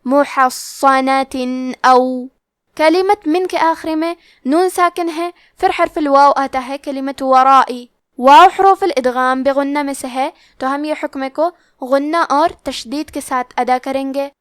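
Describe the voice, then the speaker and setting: A woman with a Pakistani Urdu accent teaching Quran recitation rules, explaining each one in a measured way and then reciting the words slowly. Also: high-pitched, fairly even intonation, no echo, clean studio sound. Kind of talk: tajweed lesson with slow recitation.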